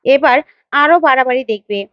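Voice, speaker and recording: A woman's voice: high voice, brisk, no room sound, dull audio, lightly acted. A woman voicing a young woman who insists and pleads over a lost love. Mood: desperate.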